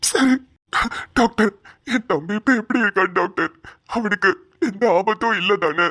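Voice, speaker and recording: A woman's voice: mid-range voice, moderate pace, fairly bright tone, no room sound, clean studio sound, lightly acted. A woman voicing a young man in a cartoon, an elder brother who pleads tearfully for his little brother. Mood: worried. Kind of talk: cartoon voice acting.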